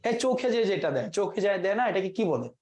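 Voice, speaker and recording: A man's voice: high voice, very animated, brisk, darkish tone. A man leads a classroom vocabulary lesson. He explains each word step by step, stopping to quiz the students. He drops English terms into his sentences as he teaches. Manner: asks the class quiz questions, mixes in English words.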